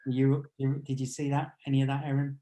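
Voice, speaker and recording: A man's voice: mid-range voice, completely flat delivery, fast, warm tone, rough recording. Brief: middle-aged man, casual podcast co-host, playful, laughs a lot. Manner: chatty, jokey, laughs often. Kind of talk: casual chat.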